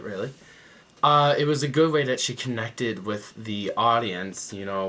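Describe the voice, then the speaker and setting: This young vlogger's voice is on the low side and a bit bright. Talking casually to camera, he delivers a gossipy review that's sassy and profane, slipping into mocking quoted voices.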